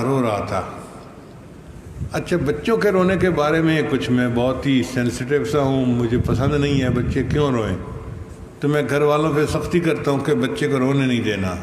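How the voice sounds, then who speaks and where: An older man giving a slow, measured sermon, telling stories and reciting Arabic verses. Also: on the high side, a little mellow. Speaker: religious scholar. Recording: echoey hall with faint noise.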